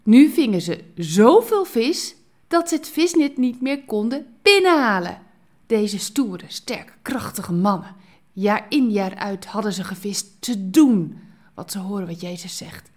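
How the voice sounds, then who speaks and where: A woman hosting a devotional podcast, speaking expressively and switching between lively and hushed phrasing, ending with a prayer. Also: medium pitch, unhurried.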